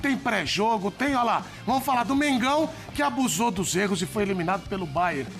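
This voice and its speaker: A man hosts a live football talk show in a very high-pitched voice. He banters with his panel and moves the programme along, with music clearly audible behind him. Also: lively intonation, a little fast, fairly bright tone. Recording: background music under the voice.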